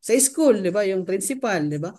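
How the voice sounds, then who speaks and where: A man with a high voice leads a sales training seminar. He keeps turning to his listeners with rhetorical questions and drops English terms into his talk as he explains. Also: animated, moderate pace, dark tone. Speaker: network marketing trainer.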